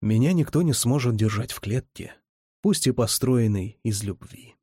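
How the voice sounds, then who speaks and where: A reserved young ruler with a dark, husky voice and curt, dry lines, as a man reads him. The sound is close and dry, with no room around it. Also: mid-range voice, expressive, moderate pace, no echo. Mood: guarded. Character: young male ruler, guarded and dry-humored. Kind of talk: audiobook character reading.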